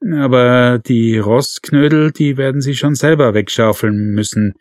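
A hesitant village policeman who tries to calm people down with a level, placating voice, as the narrator plays him. The sound is close and dry, and the pitch stays in the middle. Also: a little slow, no room sound, close to an everyday voice. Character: hesitant rural male police officer, placating.

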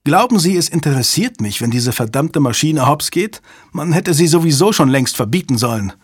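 Narrator voicing a frantic snarling hostage-taker, raised pitch, husky, dry studio sound. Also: male voice, expressive, measured pace, dry recording. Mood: shouting, threatening. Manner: shouting, threatening. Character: desperate cornered male hacker, snarling. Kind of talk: audiobook character voice.

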